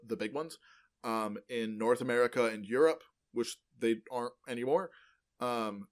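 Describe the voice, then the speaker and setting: This man co-hosts a laid-back podcast about paleontology, speaking at a medium pitch. His explanations wander, packed with "um," "uh," and "like," and he often backtracks to fix what he just said.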